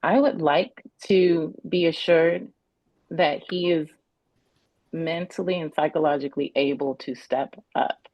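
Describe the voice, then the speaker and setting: A woman testifying as a parent in a custody hearing over a video call, talking haltingly and restarting her sentences as she searches for words. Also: low voice, steady tone, dry recording. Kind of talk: court testimony. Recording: dull, dry video-call audio.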